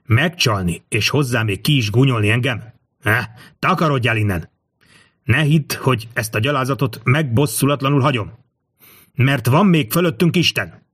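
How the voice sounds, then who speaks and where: A man's voice: medium pitch, fairly bright tone, slightly rough, dry recording. A man voicing a proud, suspicious old king held captive, commanding and scornful by turns, in a dry close recording. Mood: angry. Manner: commanding, scornful then pleading. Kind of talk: audiobook character reading.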